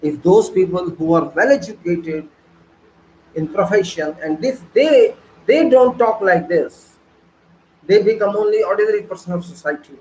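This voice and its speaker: A man's voice: high-pitched, moderate pace, mellow, echoey room, slight background noise, low-quality recording. A man giving an online engineering lecture, preaching emphatically with rhetorical questions and repeated phrases.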